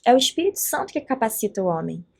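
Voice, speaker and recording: A Brazilian woman telling faith stories as a podcast guest, with an animated and earnest delivery. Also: on the high side, quick pace, gravelly. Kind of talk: faith testimony in a podcast conversation.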